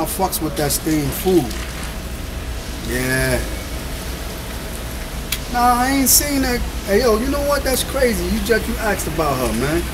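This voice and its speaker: A man playing a hot-tempered male street crew boss who scolds, swears and repeats himself. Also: fairly high pitch. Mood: laid-back. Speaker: actor. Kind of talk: low-budget street drama acting. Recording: distant mic with street noise.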